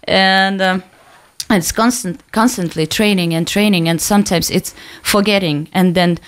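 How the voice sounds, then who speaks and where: A young woman with a Ukrainian accent, a singer answering interview questions in halting English, often laughing. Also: mid-range voice. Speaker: band singer, interview guest. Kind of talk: casual interview chat.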